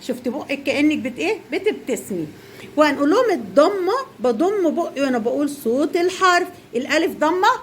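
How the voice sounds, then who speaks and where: A young female teacher with an Egyptian Arabic accent speaks fast in a high, sing-song voice, encouraging small children with quizzes and praise and explaining to their parents. There's a bit of background noise.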